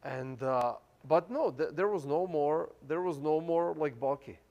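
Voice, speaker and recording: The recording is muffled, carrying a fairly high, slightly mellow male voice that moves a little slowly. A pastor in his thirties with a foreign accent, not a native English speaker, gives a loose, talkative sermon full of fillers and restarts, laughing readily.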